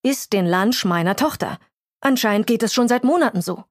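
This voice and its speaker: A woman reading a storybook voices a sharp, self-assured woman chemist with a clipped, accusing manner. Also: a little high, fairly quick, dry recording, clean studio sound, voice pushed up, lightly acted. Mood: indignant.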